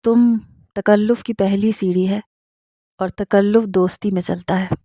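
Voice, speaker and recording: A flattering young man with a persuasive way of talking, as a woman narrator voices him. The voice is mellow and sits at a middle pitch. It is recorded close and dry for a storybook reading. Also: no echo, natural voice.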